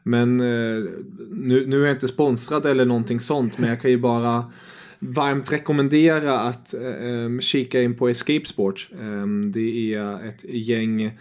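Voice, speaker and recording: A man's voice: mid-range voice, fairly even intonation, darkish tone, clear, resonant tone. A man from Germany, a guest on a football podcast, talking casually and hesitantly with many fillers.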